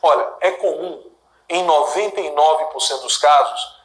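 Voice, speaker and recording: Brazilian male teacher, fairly high voice, lively asides, echoey studio. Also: a little slow. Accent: Brazilian Portuguese. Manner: chatty and emphatic, dotted with "olha" and "né?" asides. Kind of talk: recorded exam-prep grammar lesson. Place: studio with a director watching.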